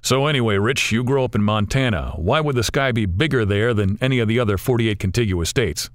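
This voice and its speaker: A man's voice: fairly low pitch, brisk, dry recording, clean studio sound, close to an everyday voice. A man voicing an easygoing adult male pilot friend in a read-aloud story. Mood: casual. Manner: friendly, steering the talk along.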